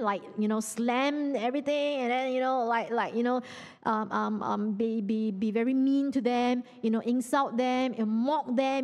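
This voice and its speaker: A woman with a Singaporean English accent giving a lively, conversational sermon, teasing and quizzing her audience. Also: on the high side, big-room sound. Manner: animated, teasing, asks the audience questions. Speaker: preacher.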